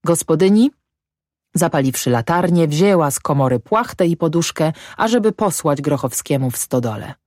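A woman calmly narrating a classic novel as an audiobook. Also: deep voice, no room sound, clean studio sound. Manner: calm, unhurried reading. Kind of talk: scripted narration.

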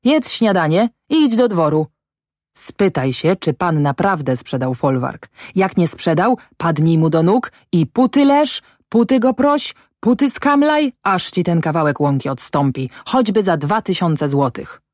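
A fierce peasant farm wife, as a woman narrator puts her on, scolding and berating with a voice that keeps climbing in outrage. Her tone sits low and dark beneath the shouting, and the audiobook recording is close and dry. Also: very animated, measured pace, no room sound. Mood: furious. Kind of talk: audiobook character voice.

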